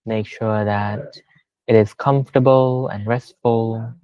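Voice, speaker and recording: A man's smooth, lowish voice leads a guided meditation with gentle, unhurried delivery and long pauses, his intonation fairly even. The audio sounds dull, with no echo.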